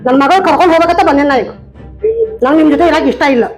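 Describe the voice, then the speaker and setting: A woman's voice: high voice, very fast, soft background music, close to an everyday voice. A woman with a North Karnataka Kannada accent playing an angry wife who left her husband, arguing and scolding in a comedy skit. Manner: scolding, argumentative. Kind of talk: village comedy skit acting.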